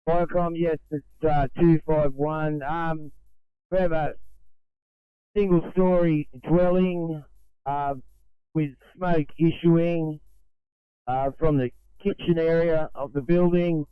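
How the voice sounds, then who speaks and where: A fire crew officer speaks over a walkie talkie in a slow, halting way, pausing on fillers between clipped call signs. His voice sits slightly high and comes through clear but dry. The sound is a thin, tinny, phone-like radio channel. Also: steady tone, dry recording. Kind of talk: emergency radio traffic.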